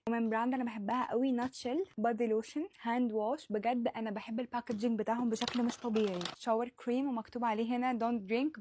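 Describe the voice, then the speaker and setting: A woman with an Egyptian Arabic accent narrating an unboxing vlog as a beauty influencer, gushing as she quickly lists product after product. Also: on the high side, a little mellow, a little hiss or hum. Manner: gushing, rapid listing of products.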